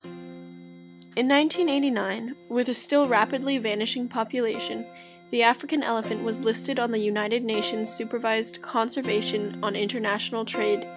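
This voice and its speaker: A higher-voiced woman delivers scripted narration in the manner of a nature documentary. Loud instrumental music plays under her voice throughout. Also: fairly even intonation, moderate pace, rough recording.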